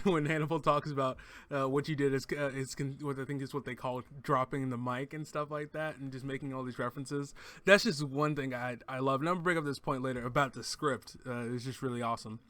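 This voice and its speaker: Bright-voiced enthusiastic male reviewer. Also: mid-range voice, fairly even intonation, a little fast, dry recording. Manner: enthusiastic, rambling, with frequent restarts. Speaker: TV show reviewer. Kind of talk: casual spoken episode review.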